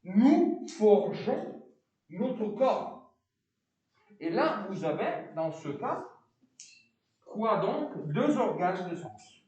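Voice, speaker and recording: A philosophy teacher with a foreign accent, lecturing a class with animated delivery, often stopping to ask students questions and repeating words. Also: male voice, sits high, extremely slow, pauses often, very echoey, recorded from a distance, muffled recording. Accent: foreign accent in French.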